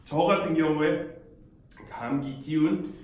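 Hoarse man teaching slowly in echo. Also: a little high, darkish tone. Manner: slow, deliberate English example sentences. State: hoarse from a cold. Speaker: English teacher. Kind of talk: casual bilingual lesson. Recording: very echoey room.

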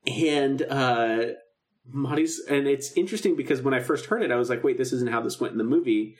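Here a podcast co-host recaps a radio drama, speaking fairly quickly in a medium pitch. His casual chat is full of fan enthusiasm.

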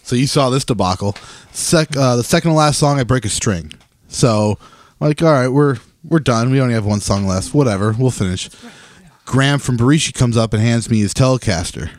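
Young male guitarist-host, mid pitch, dry mic, self-deprecating. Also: brisk, dry recording. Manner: plain, self-deprecating storyteller. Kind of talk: casual chat.

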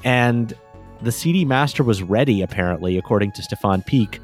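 A man co-hosting a casual podcast, chatty and quick to laugh, often trailing off into asides. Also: lowish voice, animated, soft background music. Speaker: podcast co-host. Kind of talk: casual chat about game music.

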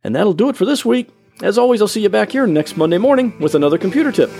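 Soft music plays behind a high-pitched, gravelly yet slightly mellow man speaking quickly and with animation. He's a Florida computer tutor hosting his own podcast, patiently breaking things down step by step in plain terms.

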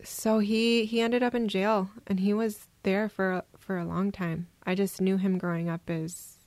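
A woman from Minnesota, a guest on an interview podcast, telling her personal story in a reflective, soft-spoken way. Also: medium pitch, flat delivery, measured pace, dry recording. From Minnesota, USA. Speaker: guest adoptee.

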